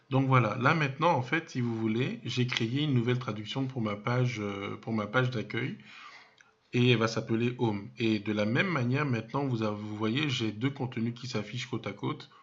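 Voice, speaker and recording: A man walks through a screen-recorded software lesson at a mid-range pitch. He stops and restarts often, fills gaps with hesitations, and cracks small jokes about himself. The audio is a little dull and lo-fi. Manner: hesitant, many fillers and restarts, thinks aloud while clicking; self-mocking asides. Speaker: web development trainer.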